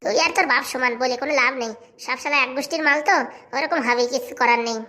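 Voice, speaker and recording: A woman voicing a sharp-tongued, nagging young wife in a family cartoon, with a shrill, scolding manner. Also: fast talker. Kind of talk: cartoon voice acting.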